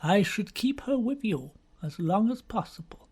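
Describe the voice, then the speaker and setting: In an audiobook, a man voices a grave, sinister middle-aged country doctor who poses slow, deliberate, probing questions breathily. His voice is high, pushed up, animated and a little mellow.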